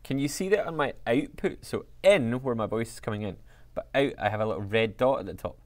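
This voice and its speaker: A male music teacher giving an upbeat software tutorial. His pitch moves in a lively, animated way as he explains each step. He addresses his viewers directly and keeps things chatty. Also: fairly quick, slight background noise.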